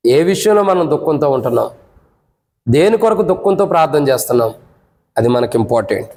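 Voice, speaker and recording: A man with a Telugu accent preaching at a church prayer meeting. He teaches by numbered points and questions to the congregation, and his voice climbs high when he voices the lament. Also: expressive, a little fast, darkish tone, slight background noise, rough recording. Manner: rises sharply in pitch when voicing the lament.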